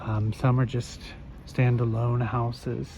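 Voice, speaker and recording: A vlogger with a hoarse voice, still getting over an illness, walks a residential street giving an unhurried, rambling tour full of ums. His mid-range voice is delivered flatly. The outdoor phone audio sounds dull, with street traffic behind him.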